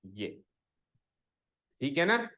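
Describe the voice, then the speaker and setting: A man's voice: medium pitch, wildly swooping pitch, extremely slow, sharp tone. A man teaching a school maths class, mixing Hindi with English and drilling students on pronunciation. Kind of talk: classroom lecture.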